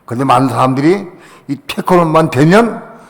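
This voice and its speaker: A male pastor preaching a Friday evening sermon, passionate, dropping to quiet asides and rising to shouted declarations. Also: a little high, lively intonation, normal speed, creaky, long reverb tail. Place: church sanctuary.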